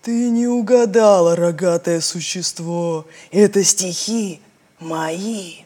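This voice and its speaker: A woman voicing an ancient, brooding male stone island monster, speaking slowly in a low, hollow voice. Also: dark tone. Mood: ominous.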